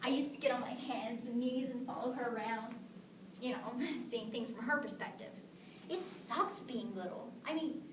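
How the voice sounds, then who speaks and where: A woman performing as a fond young mother in a stage monologue. She has a fairly high voice and chats to her listeners as she tells her story, heard across an echoing room. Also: natural voice. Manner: conversational storytelling, rhetorical asides to listeners. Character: devoted young mother fondly recalling her daughter. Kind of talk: dramatic monologue performed at a competition. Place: echoing room, recorded from a distance. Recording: roomy, distant mic with faint noise.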